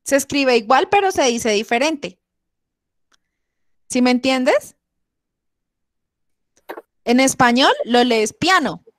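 A woman teaching English to young children on a video call, affectionate and slow in her pronunciation drills. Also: high-pitched, lively intonation, no echo, clean studio sound. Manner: affectionate, calls pupils "amor". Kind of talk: online class for young children.

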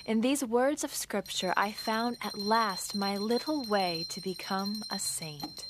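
An actress voicing a young nun's gentle, reflective voice-over narration in a film. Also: female voice, mid-range voice, background noise, natural voice. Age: young adult. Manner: soft, reflective, measured. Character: young nun recalling her life, gentle and devout.

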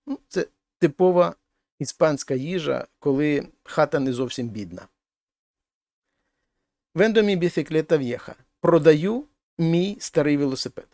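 Male language teacher, slightly higher voice, patient step-by-step grammar explanations, dry close recording. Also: unhurried, pauses often, a little mellow, dry recording. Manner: explains step by step, translating each example. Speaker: Spanish teacher.

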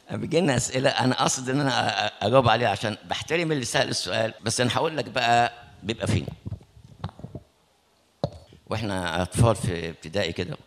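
A middle-aged man with an Egyptian Arabic accent, a priest telling a story in a sermon, animated and acting out the people he quotes. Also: on the low side.

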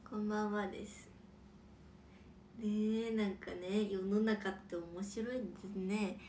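A young woman hosting a casual livestream and reading out viewer comments, with a chatty, playful manner and soft whispered asides. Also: medium pitch, steady tone, a little slow, a little hiss or hum. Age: young adult.

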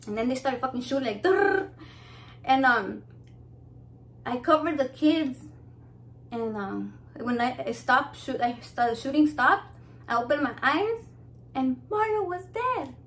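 A woman's voice: sits high, expressive, unhurried, fairly bright tone. A young Mexican American woman hosting a cooking channel, chatting brashly to camera, swearing constantly and slipping into Spanish. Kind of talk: casual profane chat to camera.

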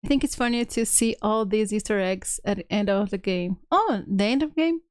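A woman with a mid-range, clean-toned voice speaks briskly as she hosts a casual live game stream. Playful and exclamatory, she chats with viewers and reads text aloud while faint video game music plays. The studio-quality audio has no echo.

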